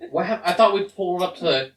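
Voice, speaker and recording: A man chatting casually as a tabletop game player, halting and correcting himself as he explains. His voice is animated and slightly high. The sound is distant and roomy, with faint hiss.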